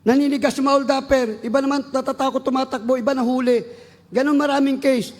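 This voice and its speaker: A man with a Filipino accent preaching a sermon, exhorting his congregation and breaking into shouted praise. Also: very high-pitched, fairly even intonation, quick pace, long reverb tail.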